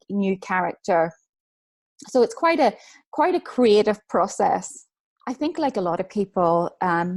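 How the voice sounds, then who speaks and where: A middle-aged woman with a Northern Irish accent, an author telling her personal story in a soft, reflective way. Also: lowish voice. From Northern Ireland. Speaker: guest speaker, author and book coach.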